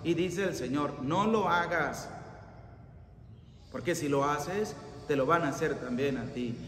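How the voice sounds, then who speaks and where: A middle-aged priest preaching with earnest emphasis, his voice rising on the warnings. It sits a little higher than most men's and rings through a church with long reverb. A faint ambience hangs underneath. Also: unhurried, fairly bright tone, slight background noise. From Venezuela. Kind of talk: sermon. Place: church chapel by an ornate altar. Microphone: fixed camera at mid distance.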